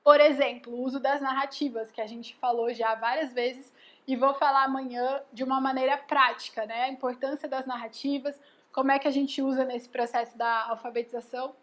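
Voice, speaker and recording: A woman's voice: high voice, steady tone, fairly quick, a bit bright. A woman giving a casual live lesson, explaining step by step and often checking in with "né?" and "tá bom?". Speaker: educator giving a live class.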